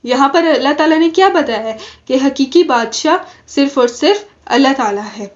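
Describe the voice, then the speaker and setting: Woman, high voice, religious teacher, asks and answers own questions, dull lo-fi sound. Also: expressive. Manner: explains slowly, poses questions then answers them. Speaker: Quran commentary teacher. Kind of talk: recorded religious lesson.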